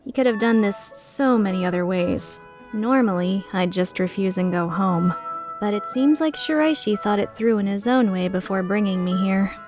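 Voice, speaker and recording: In this fan-dub drama, a woman voices a skeptical, flustered young heroine telling her story in first person, turning inward as she goes. Her medium pitch and normal speed stay close to an everyday voice, her mood puzzled and thoughtful, with music playing behind her.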